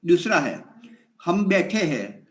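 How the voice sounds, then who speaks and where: Slow reflective older man preaching. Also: a little high, big pitch swings, echoey room. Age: 60s. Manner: slow, reflective storytelling with pauses and fillers. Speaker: spiritual teacher. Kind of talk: Hindi spiritual discourse.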